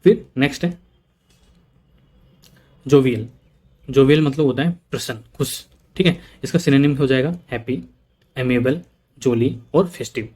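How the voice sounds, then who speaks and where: A man's voice: medium pitch, normal speed, long pauses, mellow. Guy doing exam prep class, goes over word lists twice, keeps saying okay. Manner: repeats points with frequent "ठीक है" checks; mixes English terms into Hindi explanation.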